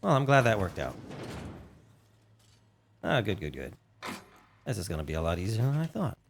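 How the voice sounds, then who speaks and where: A man's voice: fairly low pitch, very animated, rapid-fire, gravelly, slight background noise. A man doing casual gameplay commentary as a streamer, playful and theatrical, talking to himself and to his audience. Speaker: gaming streamer.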